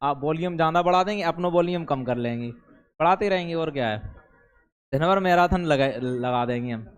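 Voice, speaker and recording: A male teacher speaks in a classroom. His voice sits high and rings clear as he chats with his students, slipping joking asides in between passages he reads aloud. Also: brisk. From India.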